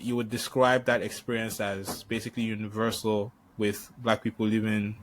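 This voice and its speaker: The podcast host, a man raised in Nigeria, leads a conversational interview in a voice on the low side. A little hiss or hum runs under the recording. His delivery is hesitant, with frequent repeated words as he thinks.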